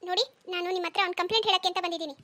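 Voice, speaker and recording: Woman voicing a sharp, quarrelsome cartoon mother. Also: extremely high pitch, fairly even intonation, racing. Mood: accusing. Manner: sharp, accusing. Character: rude, arrogant neighbour mother, quarrelsome. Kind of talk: cartoon dialogue.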